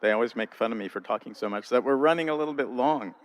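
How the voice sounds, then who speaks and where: A man hosting a church concert talk, jovial as he gently keeps things on time. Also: medium pitch, quick pace, in a large hall. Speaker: event host. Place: church sanctuary.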